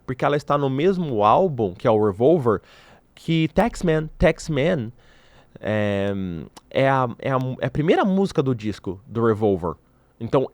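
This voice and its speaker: A young adult man hosting a podcast, giving his opinions in an animated, playfully provocative casual way, from Brazil. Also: a little high, no room sound. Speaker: podcast host. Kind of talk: casual commentary to camera.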